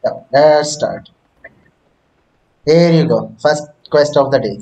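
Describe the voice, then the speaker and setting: A man's voice: a little high, slow, crowd noise, low-quality recording. A man chatting casually with a friend during co-op gameplay. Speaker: gamer.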